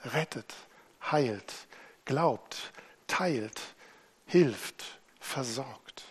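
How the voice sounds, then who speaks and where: A man preaching a sermon, swinging between hushed and loud as he retells scripture. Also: mid-range voice, slightly rough.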